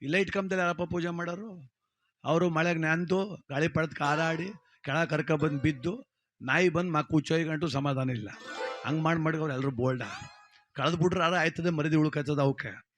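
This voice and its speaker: A man telling a village story in a lively, rustic, colloquial way as part of a motivational talk. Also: fairly high pitch, moderate pace.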